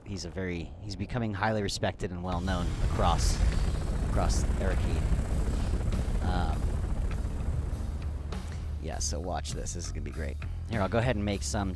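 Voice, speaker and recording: A man streaming a game live, chatting casually and rambling, with a slightly dry throat. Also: low-pitched. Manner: chatty, rambling, many restarts.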